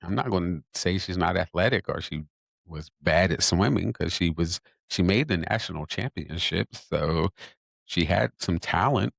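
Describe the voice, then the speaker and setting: A very low-voiced man, chatting on his own podcast in a loose, wry way, full of ums and side remarks. The sound is dry and close, with no room around it. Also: moderate pace, gravelly, a bit bright, no room sound. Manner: casual, conversational, with many fillers and wry asides. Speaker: podcast host. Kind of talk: solo podcast monologue.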